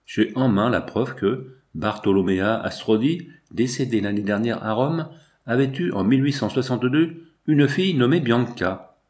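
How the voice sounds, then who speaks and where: A man's voice: mid-range voice, moderate pace, a little mellow, natural voice. A man voicing a sly, insistent male business agent in an audiobook, with an eager, self-assured manner. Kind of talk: audiobook character voice.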